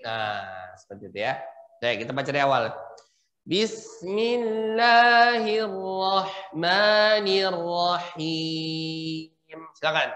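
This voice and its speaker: A man teaching Quran recitation rules to a class of women, patiently prompting them and demonstrating slow, drawn-out recitation. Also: on the low side, bright, forceful tone, highs cut off. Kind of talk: tajwid lesson for women. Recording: echoey room.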